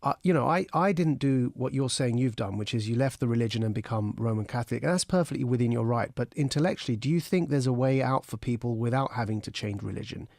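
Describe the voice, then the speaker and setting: A man's voice: mid-range voice, animated, quick pace, creaky, hardly any pauses, darkish tone, no room sound. A man hosting a radio phone-in, asking the caller earnest questions from a studio microphone. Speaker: radio host.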